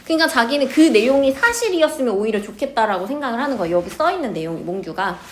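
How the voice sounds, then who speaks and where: Young woman teacher, chatty, lots of fillers, kinda high voice. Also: expressive, fast talker, slight background noise. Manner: chatty, fills with "like" words. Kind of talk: high school literature lesson.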